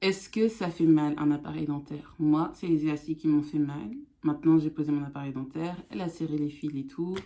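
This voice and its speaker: Low, mellow woman talking with braces. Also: fairly even intonation, fairly quick, few pauses. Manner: speech affected by newly fitted braces. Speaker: vlogger. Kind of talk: casual chat to camera.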